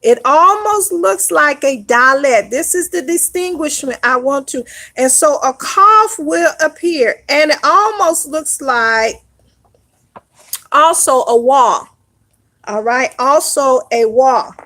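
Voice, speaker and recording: A woman's voice: sits high, animated, takes it slowly, sharp tone. A woman teaching an online Hebrew lesson, explaining step by step and often checking in with "all right?".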